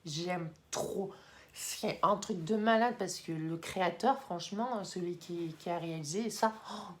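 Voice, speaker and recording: A young woman in casual vlog talk, chatty with many fillers and excited bursts, now and then moving off the mic. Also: fairly low pitch, moderate pace. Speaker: YouTuber ranking anime. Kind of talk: casual vlog tier list.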